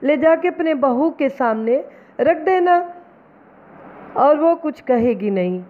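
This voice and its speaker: Woman voicing a gentle comforting mother goddess. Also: sits high, animated, takes it slowly. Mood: reassuring. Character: kind female mother goddess, calm and comforting. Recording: tinny phone-like recording.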